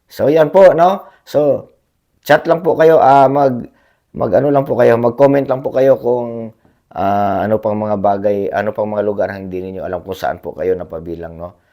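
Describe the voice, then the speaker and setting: Hoarse, deep-voiced man chatting to viewers. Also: normal speed, dark tone. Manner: polite, frequent tag questions, rambling. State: hoarse from a cough. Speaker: blogger reading viewer comments. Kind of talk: casual livestream-style chat.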